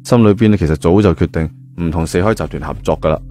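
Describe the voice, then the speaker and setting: A man's low, mellow voice moves fast as he narrates a novel. His Cantonese-accented storytelling is colloquial and chatty, full of spoken particles, with background music beneath it.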